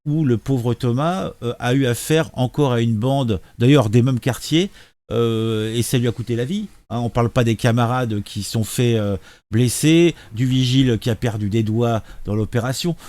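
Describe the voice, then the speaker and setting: A man's voice: medium pitch, normal speed, warm tone, no echo. A man giving casual reaction commentary, sarcastic and mocking, hesitating with many fillers. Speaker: political commentary youtuber.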